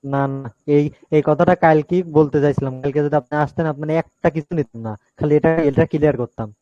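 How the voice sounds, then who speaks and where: A man speaking as a student in an online class, answering the instructor eagerly and quickly. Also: a little high, fairly even intonation, mellow, no room sound, lo-fi sound. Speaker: student asking questions.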